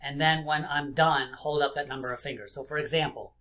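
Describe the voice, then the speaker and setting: A man's voice: on the high side, fairly even intonation, sharp tone. Man talking like a kids show host. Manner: encouraging, addresses children with simple questions and pauses. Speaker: children's math teacher. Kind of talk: kids show host, interactive counting lesson for young children. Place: small indoor room.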